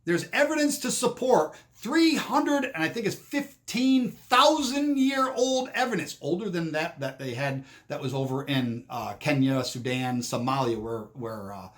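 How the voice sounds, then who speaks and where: A man's voice: fairly high pitch, animated, unhurried, few pauses, a bit bright. A man giving a rambling monologue commentary, often restarting and repeating himself.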